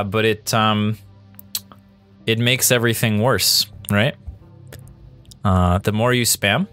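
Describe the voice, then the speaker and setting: A man's voice: lowish voice, fairly bright tone. A man hosting his gaming channel, casually commentating a replay of his own match, thinking aloud and answering viewer questions as he goes.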